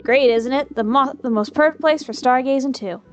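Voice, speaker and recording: A woman doing a mild, slow old grandpa. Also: high-pitched, muffled recording, soft background music, close to an everyday voice. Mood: gentle. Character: gentle, easygoing old grandfather.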